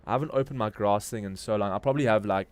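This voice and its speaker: Rapid-fire delivery marks this lowish, slightly mellow voice of a South African crypto trading livestream host from Durban. He tosses out informal, slangy market commentary live as he thinks aloud.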